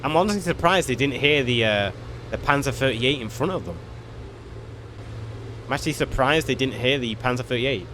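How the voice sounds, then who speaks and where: Laid-back man commentating over loud gunfire. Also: mid-range voice, lively intonation, normal speed, pauses often, slight background noise. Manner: laid-back, chatty, occasional swearing. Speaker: gameplay commentator. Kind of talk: casual game commentary. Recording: loud game gunfire and vehicles behind.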